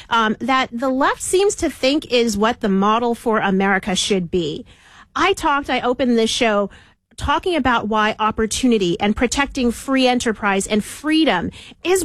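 A woman's voice: fairly high pitch, dry recording. A woman hosting a talk show, introducing and questioning her guest in an emphatic, persuasive way.

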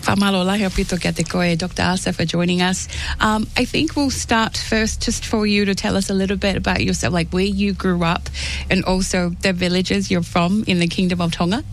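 A woman's voice: lowish voice, steady tone, a little fast, a little hiss or hum, rough recording. A woman presenting a radio show from the studio, upbeat and welcoming as she interviews a guest. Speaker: radio host.

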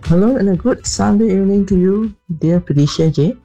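A woman's voice: medium pitch, a little fast, dark tone, faint music behind. A woman in a recorded voice message played on the radio, politely reading out her song request and a long list of dedications. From Malaysia. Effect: voice message played over the radio. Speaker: radio listener sending a request. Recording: dull, lo-fi voice note.

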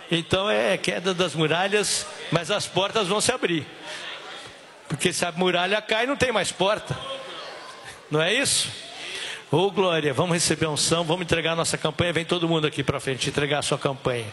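In a church hall, a hoarse, high-pitched pastor preaches and prays with fervor, repeating his phrases in call-and-response with the congregation. He rises to shouts at the peaks, his worn voice straining yet pushing on.

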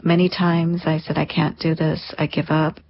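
A woman in her thirties, an interview guest, giving an earnest, measured account of her recovery. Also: low voice, little pitch movement, highs cut off. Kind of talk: reflective personal account.

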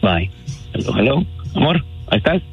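A man's voice: medium pitch, sing-song, moderate pace, muffled recording, music in the background. A man calling his fiancée on air, easygoing and sweet-talking, a bit hesitant. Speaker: radio caller pranking his fiancée. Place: radio studio.

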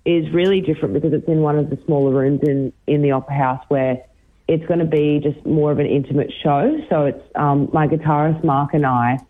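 A young Australian woman from Brisbane, a musician, talking excitedly in a radio interview, often restarting and giggling. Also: deep voice, a little fast. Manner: bubbly, giggly, many restarts. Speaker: musician guest. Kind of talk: phone interview on breakfast radio. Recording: tinny phone line.

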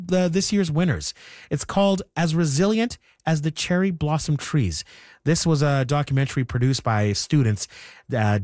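A man's voice: on the high side, darkish tone, no echo, clean studio sound. A man, the radio host, reading a scripted introduction with small stumbles.

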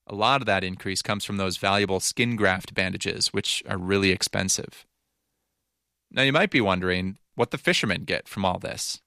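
A man's voice: deep voice, moderate pace, gravelly, pushed and bright, smooth, no echo, studio quality. A man narrating a scripted news feature in a conversational, explanatory way. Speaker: reporter narrating.

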